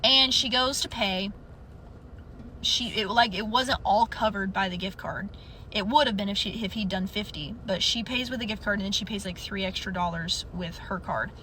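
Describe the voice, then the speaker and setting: A woman's voice: medium pitch, normal speed, slight background noise. A young woman casually telling a story from her customer service job, acting out the people in it. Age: young adult. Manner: animated retelling, acts out quotes. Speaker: storyteller in a clip.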